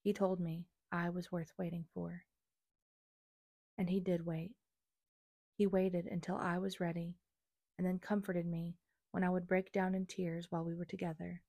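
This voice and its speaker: Low-voiced woman reading her memoir. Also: little pitch movement, normal speed, pauses often, mellow, no echo, studio quality. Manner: earnest, confessional. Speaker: memoir narrator. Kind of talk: reading a personal memoir aloud.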